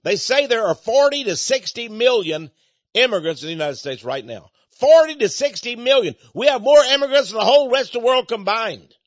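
High-voiced man ranting indignantly. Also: very animated, fairly quick, no echo. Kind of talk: political commentary monologue. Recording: dull, dry lo-fi recording.

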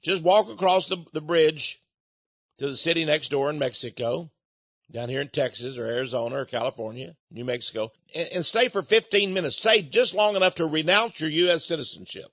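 High-voiced man ranting indignantly. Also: brisk, fairly bright tone, no echo. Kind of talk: political commentary monologue. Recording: dull, dry lo-fi recording.

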